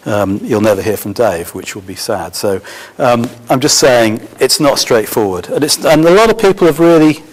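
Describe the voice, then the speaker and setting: A film school course leader gives a conference talk in a fairly low, slightly hoarse voice. His delivery is halting, full of fillers and restarts.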